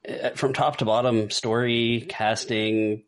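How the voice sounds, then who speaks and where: A podcast co-host chats casually while ranking films, drifting into rambling asides. His voice is medium-pitched and level in tone, and he takes his time.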